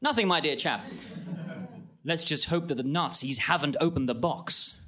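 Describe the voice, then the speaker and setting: A man voicing a confident, wry male detective in a comedy audio drama, brisk and teasing. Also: on the high side, a crowd in the background, lightly acted.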